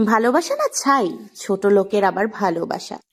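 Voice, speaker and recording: A woman's voice: mid-range voice, very animated, normal speed, breathy edge. A woman voicing a rude, contemptuous young wife in an audio story. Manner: harsh, contemptuous, bossy. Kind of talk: audio drama acting.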